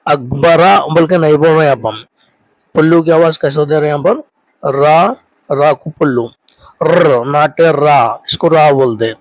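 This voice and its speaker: Slightly high-voiced man teaching patiently. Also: no echo, lo-fi sound. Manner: explains each point twice, switching between two languages; slow, deliberate drilling of sounds. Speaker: Telugu teacher. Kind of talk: spoken language lesson.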